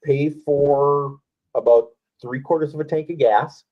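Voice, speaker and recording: A man talking slowly and hesitantly in a casual live-stream chat. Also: fairly high pitch, steady tone, phone-quality sound, slight background noise.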